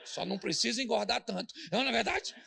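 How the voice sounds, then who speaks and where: A man's voice: sits high, rapid-fire, creaky, sharp tone, slightly rough. A male pastor with a Brazilian accent preaching a humorous sermon, telling jokey stories and tossing rhetorical questions at the audience.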